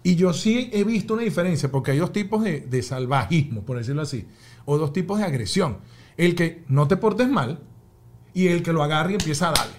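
A man, a father and podcast guest, telling a personal story in an emphatic, animated way, acting out the shouts he describes. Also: on the high side, a little fast. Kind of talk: conversational storytelling.

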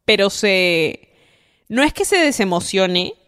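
A woman's voice: mid-range voice, big pitch swings, slow pace, fairly bright tone, clear, resonant tone. A young woman hosting a podcast, giving casual, affectionate advice and often checking in with the listener. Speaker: podcast host.

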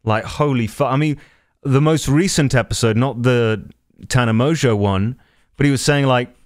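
A man's voice: mid-range voice, normal speed, dry recording. Blunt, swearing man on a dry mic. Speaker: podcast co-host. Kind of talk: casual podcast chat.

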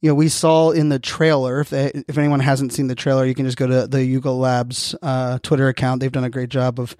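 A man's voice: medium pitch, little pitch movement, a little fast, darkish tone, no echo. Rambling male podcast host, dry close sound. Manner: rambling, repeatedly leaning on "you know". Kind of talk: casual solo podcast commentary. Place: home or podcast studio. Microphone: close studio microphone.

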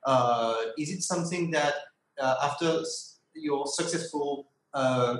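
A man hosting a conversational interview, haltingly rephrasing as he goes. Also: a little high. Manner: halting, rephrases questions repeatedly. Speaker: interview host. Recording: echoey, roomy sound.

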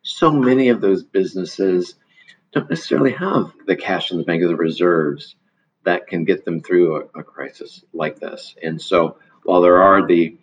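A man answering interview questions in a measured way, often restarting his sentences. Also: low-pitched, breathy edge. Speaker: guest, foundation leader. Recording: dull lo-fi audio.

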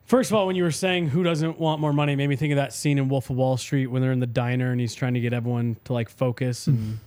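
A man's voice: mid-range voice, steady tone, fast, darkish tone. A man hosting a sports podcast, chatting casually and conversationally as he picks up on his co-hosts' points. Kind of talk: casual chat.

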